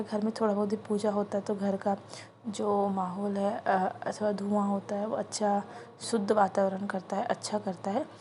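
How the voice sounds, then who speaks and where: A young woman with a warm, mid-range voice records a casual vlog on her phone at an indoor gathering, chattily explaining the steps of a home puja ceremony. A little hiss or hum can be heard.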